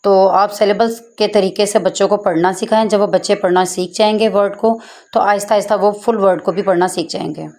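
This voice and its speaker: Slow, careful woman teaching English. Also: mid-range voice, steady tone, a little mellow. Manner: slow, careful breaking of words into parts; patient, instructive explaining. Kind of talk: bilingual phonics lesson for parents.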